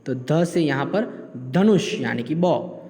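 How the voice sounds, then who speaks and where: A man teaching a school lesson, slowly and deliberately reading out letters and repeating them for the pupils to follow. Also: fairly high pitch, animated, a little mellow, echoey room, in a large hall.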